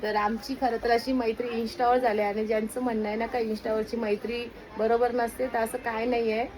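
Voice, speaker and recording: A woman vlogger with a hoarse voice that is giving out, chatting casually on location. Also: fairly high pitch, level tone, normal speed, poor audio. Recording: loud crowd and vehicle noise.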